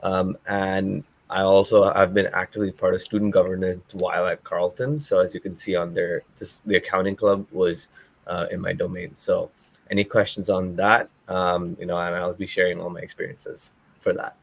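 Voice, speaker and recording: A man's voice: low-pitched, level tone, moderate pace, vocal fry, dry recording. A young man who grew up in the UAE, a student panelist, introducing himself in an upbeat way with fillers. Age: young adult.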